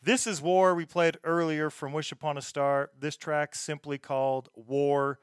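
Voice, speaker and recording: A man's voice: on the high side, little pitch movement, measured pace, smooth, no room sound, studio quality. A man hosting a music show with casual, conversational talk between tracks.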